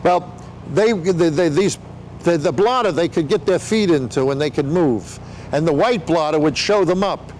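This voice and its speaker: A man's voice: a little high, moderate pace, darkish tone, a little hiss or hum, rough recording. An older man explaining things in a casual interview, with rambling showman patter and joking asides. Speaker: veteran sideshow talker explaining flea circus.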